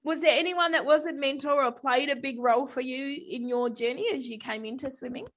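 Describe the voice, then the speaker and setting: A woman in her thirties hosts a relaxed chat in a notably high voice. She talks with open emotion and laughs easily between thoughts. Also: a little fast. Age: 30s. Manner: warm, emotional, laughs often. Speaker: podcast host. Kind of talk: casual conversational interview.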